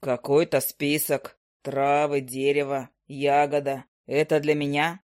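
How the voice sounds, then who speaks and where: A woman voicing a young, broad-shouldered male hunter who speaks quietly and plainly, a little awkwardly. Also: low-pitched, flat delivery, unhurried, dry recording, clean studio sound, voice pushed down. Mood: earnest.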